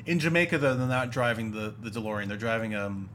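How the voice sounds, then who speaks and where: A man's voice: medium pitch, lively intonation, quick pace, a bit bright, a little hiss or hum. Sarcastic man in casual movie chat. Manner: sarcastic, trails off and mumbles asides. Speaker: podcast co-host.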